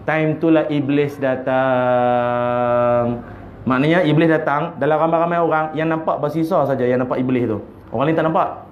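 A man's voice: on the high side, steady tone, normal speed, a little hiss or hum. A man with a Malaysian Malay accent giving an evening religious lecture, humorous, laughing often and acting out voices. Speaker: preacher. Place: mosque prayer hall. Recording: echoey dull lo-fi hall recording.

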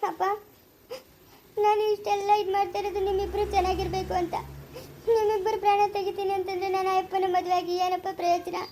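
A woman's voice: extremely high pitch, little pitch movement, a little fast, dark tone, slight background noise. Woman playing a tearful village daughter. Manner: tearful pleading. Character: frightened young village daughter, pleading. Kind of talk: village family skit acting.

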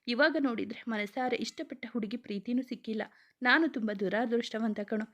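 Casting: woman doing a gentle, heartbroken young man for a storybook, soft pleading lines, slightly high. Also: fairly quick, muffled recording, lightly acted. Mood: crying. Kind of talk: storybook reading.

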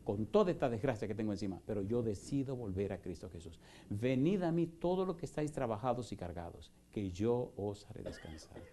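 A middle-aged male pastor preaching an evangelistic sermon in a church, firing rhetorical questions and moving from loud preaching to soft pleading. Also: lowish voice, expressive, brisk, slight background noise. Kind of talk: evangelistic sermon with altar call. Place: church in Houston, Texas.

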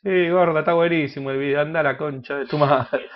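Argentine guy cursing and joking over his game, kinda high voice, muffled lo-fi sound. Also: normal speed. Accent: Argentine Spanish. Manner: crude, joking, swings into loud outbursts. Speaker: gaming youtuber. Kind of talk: casual gameplay commentary.

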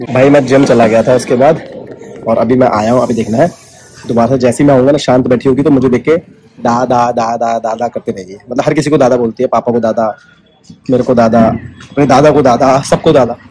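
A man's voice: medium pitch, fairly even intonation, a little fast, warm tone. A man chatting casually to the camera in a home vlog, sharing tips and calling his viewers brother. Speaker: vlogger. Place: at home, indoors.

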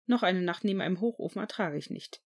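A woman's voice: on the low side, fast talker, a little mellow, natural voice. Caring teen boy wizard, earnest and plain; woman reader's own voice.

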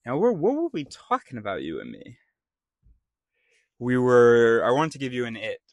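A man's voice: medium pitch, no room sound, studio quality. A man in a casual spoken monologue, rambling and often stopping to restart his sentences. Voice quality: rambling, self-interrupting.

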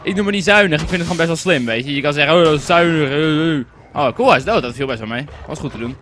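Fast-talking young man gaming. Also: fairly high pitch, lively intonation, pushed and bright. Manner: chatty, rambling, swears when the game lags. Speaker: gaming commentator. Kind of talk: casual let's-play commentary.

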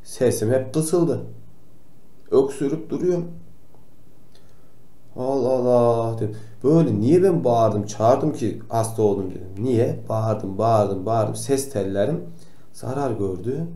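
A man playing a kindly old grandpa doctor who gently tells noisy children to stay quiet, in a comic role-play for kids. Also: medium pitch, natural voice. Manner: gentle, admonishing, talks straight to the kids. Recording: roomy echo.

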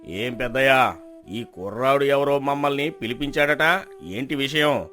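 A man's voice: medium pitch, expressive, a little slow, bright, forceful tone. Man voicing a haughty, scornful landlord. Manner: scornful, dismissive questions. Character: arrogant middle-aged landlord, scornful and haughty. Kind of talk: storybook drama acting.

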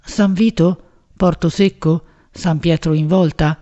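A woman narrating a literary novel as an audiobook in a measured, expressive reading. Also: fairly low pitch, highs cut off.

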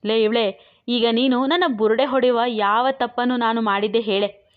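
A woman's voice: fairly high pitch, steady tone, moderate pace, natural voice. A woman playing a cocky teasing young man. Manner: mocking, bantering, cocky. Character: brash teasing young man, playful lover. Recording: dull lo-fi recording.

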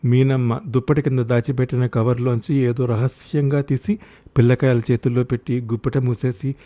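A man narrating a short story for an audiobook in a measured, expressive way. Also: medium pitch.

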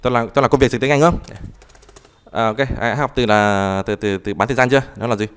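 A man teaching a live online language class, talking haltingly and repeating words as he types and explains. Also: mid-range voice, clear, resonant tone. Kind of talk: live online tutoring session.

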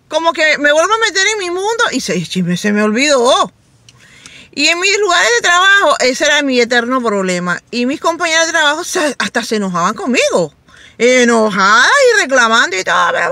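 Middle-aged woman vlogger, chatty storyteller, very expressive melody, dry close sound. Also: no room sound. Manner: chatty and animated, with frequent laughs; acts out quoted voices in a high pitch. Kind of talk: casual storytelling to camera.

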